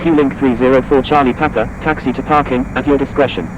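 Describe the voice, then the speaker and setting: Casting: male air traffic radio voice, medium pitch, formulaic and clipped, clear noise behind. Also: steady tone, brisk, muffled recording. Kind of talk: aviation radio phraseology in a flight simulator. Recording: noisy simulated radio traffic.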